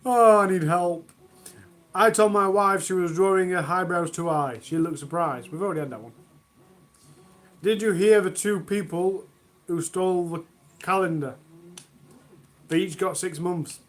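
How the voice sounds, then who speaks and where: A man's voice: high voice, moderate pace, long pauses. A man hosting a long charity livestream from home, reading out corny jokes and mocking them himself. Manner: self-mocking, groans at own jokes. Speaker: livestream host.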